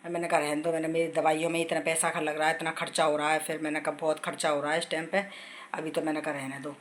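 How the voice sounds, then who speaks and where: A woman's voice: sits low, completely flat delivery, fast, a little hiss or hum. A middle-aged woman vlogging casually from her home kitchen while unwell, chatting at length and retelling conversations with family.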